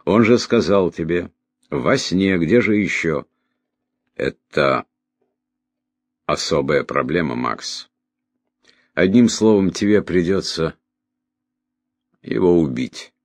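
A man doing a calm confident mentor. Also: low voice, no room sound, exaggerated voice. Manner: measured, confident, explanatory. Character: calm, cheerful older male mentor. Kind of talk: audiobook character voice.

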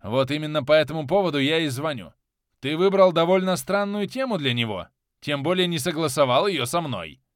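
A demanding middle-aged boss, as a male narrator puts him on, speaks in a raised, brisk voice. The audiobook is dry and close, with lively pitch. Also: no echo. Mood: irritated.

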